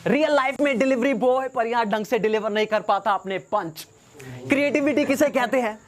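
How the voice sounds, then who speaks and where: A young man with a high voice spits battle-rap verses at a rival. He sounds cocky and taunting, with a mocking edge to every rhyme and English phrases thrown in. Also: normal speed. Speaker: battle rapper.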